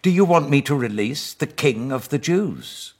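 A man's voice: medium pitch, expressive, unhurried, slightly rough, voice pushed up. A man voicing a commanding but uneasy Roman governor in a dramatised scripture audiobook, emphatic and questioning. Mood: exasperated, insistent.

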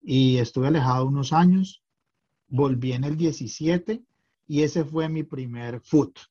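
A man's voice: medium pitch, a little slow, mellow, dull audio. A middle-aged man chatting as a podcast guest, hesitant, with many fillers and restarts. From Colombia. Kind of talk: casual chat.

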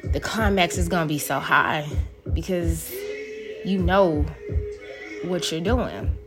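A young woman hosts a podcast, chatting casually and frankly with plenty of laughs and cursing. Her voice sits a little low for a woman. Music plays clearly behind her. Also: takes it slowly. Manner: loose and laughing, swears freely. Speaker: podcast host. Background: background music.

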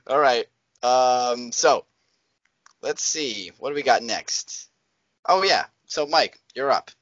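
Animated guy co-hosting a podcast, bright voice, dry slightly dull sound. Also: medium pitch, very slow, long pauses, no room sound. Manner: animated, acts out shouted movie-villain lines. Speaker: podcast co-host. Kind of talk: casual chat.

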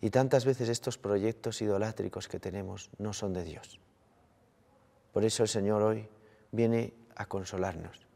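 A man, a priest from Colombia, giving an earnest, slow-paced Sunday sermon and addressing his listeners as brothers. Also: fairly low pitch, steady tone, gravelly, dark tone, big-room sound.

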